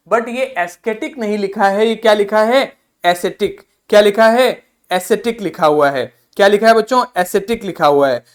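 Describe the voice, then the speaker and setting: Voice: medium pitch, fairly bright tone. A teacher giving a recorded vocabulary lesson who asks the students questions and answers them, repeats each word, and spells words out letter by letter. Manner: explains in Hindi, mixing in English words and read-out English phrases.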